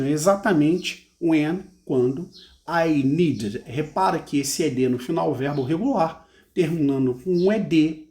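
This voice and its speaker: A man's voice: fairly high pitch, vocal fry, darkish tone. A Brazilian man with a Brazilian Portuguese accent, patiently explaining song lyrics as an English teacher, tagging "né?" onto his phrases. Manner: reads English lines slowly and carefully.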